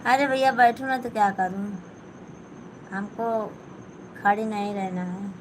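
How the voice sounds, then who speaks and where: Slow-talking woman chatting on a live stream. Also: medium pitch, slight background noise, poor audio. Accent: Awadhi-flavoured Hindi. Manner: reads out viewer comments and answers them chattily. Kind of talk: casual live-stream chat with viewers. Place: at home, sitting and sewing.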